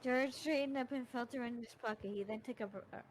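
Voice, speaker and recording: A woman's voice: a little high, fast, faint music behind, rough recording. A woman co-hosting a let's-play, reading visual novel narration aloud with a wry, slightly impatient manner.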